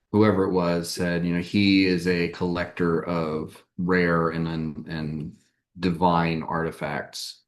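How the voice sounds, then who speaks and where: A man running a tabletop game as game master, narrating in a slow, halting way with many fillers. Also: a bass voice.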